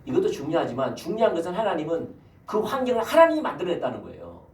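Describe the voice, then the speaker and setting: Male pastor, Sunday sermon, rhetorical questions to the congregation, animated swinging pitch, reverberant church sound. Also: racing. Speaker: senior pastor. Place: church sanctuary. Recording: echoey church hall, mic at a distance.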